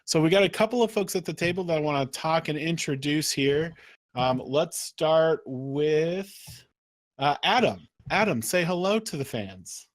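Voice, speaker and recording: A man's voice: a little high, expressive, measured pace. A man hosting an online board game show, introducing the players in a playful, joking way. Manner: playful, laughs often. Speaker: show host.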